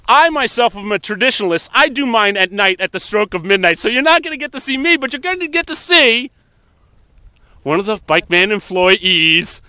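A middle-aged man hosts a casual outdoor video from behind a handheld camera. His voice is high and bright, with a joking, egging-on way of commentating. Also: sing-song, normal speed, clear, resonant tone, no room sound. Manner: jokey, egging on. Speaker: host filming a cold plunge. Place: outdoors by a bay. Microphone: handheld camera held close.

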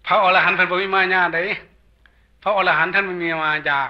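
A monk from northeastern Thailand with an Isan accent, giving a folksy sermon with a storyteller's jokes. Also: male voice, sits high, fairly even intonation, a little fast. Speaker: Buddhist monk preacher. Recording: dull lo-fi sermon recording.

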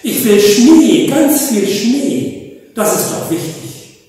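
A man's voice: sits high, unhurried, darkish tone. An older retired pastor voicing a dreamy male polar bear who gushes about snow, in a storybook tale. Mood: rapturous. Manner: rapturous, gushing. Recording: echoey church hall from far off.

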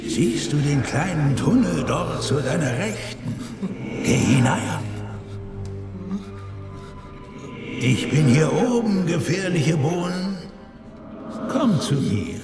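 An actor voicing a sinister, commanding rat overlord in an animated film, speaking coaxingly as a telepathic voice inside the listener's head. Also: male voice, fairly high pitch, slow pace. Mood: eerie, coaxing. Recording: music under the voice.

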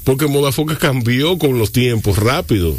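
A man's voice: mid-range voice, expressive, moderate pace, slightly rough, dry recording. A man, interviewing casually, probing and playful, with frequent backchannel murmurs.

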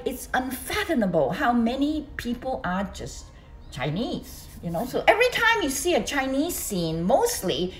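Older woman vlogger from Hong Kong, slow and animated, lively swooping pitch, close phone mic. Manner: animated, gesturing with both hands, swooping pitch. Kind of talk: casual monologue to camera. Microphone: phone on a stand close to her.

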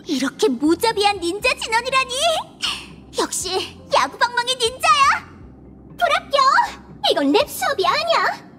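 A squeaky cartoon monkey professor, theatrical and strict. The extremely high voice bounces up and down as it exclaims and scolds, over soft game music. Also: female voice, very animated, normal speed. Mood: scolding. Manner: exclamatory, scolding, chanting verbal tics.

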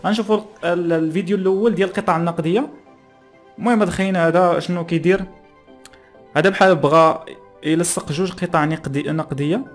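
A young man with a Moroccan accent giving casual, halting reaction commentary in Moroccan Arabic dialect as a channel host, close on a desk microphone. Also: sits high, fairly even intonation, faint music behind. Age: young adult. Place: small plain room indoors.

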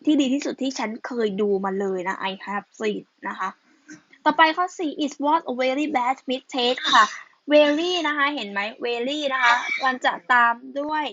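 A woman teaching English, patiently going over worksheet answers in an unhurried, casual way and spelling out words letter by letter. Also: high-pitched, highs cut off, slight background noise. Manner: patient, ends phrases with soft polite particles, spells out letters. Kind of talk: slow casual lesson explaining answers.

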